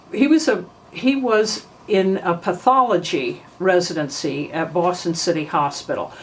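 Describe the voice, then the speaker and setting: An older woman from New York telling family memories in an unhurried way, often clearing her throat. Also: on the low side, slight background noise, poor audio. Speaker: family memoir narrator. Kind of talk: reminiscing oral history.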